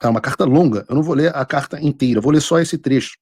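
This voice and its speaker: Male live political host, Brazilian accent, husky tone, rapid delivery, close and dry sound. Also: mid-range voice, darkish tone, dry recording. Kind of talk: live political commentary, reading out and translating texts.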